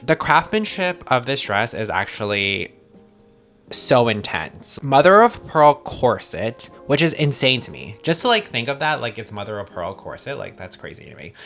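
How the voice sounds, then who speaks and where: A man's voice: on the low side, bright, forceful tone. A sassy, gushing man giving casual, opinionated fashion commentary with emphatic drag-queen-like slang, as the host of a review show.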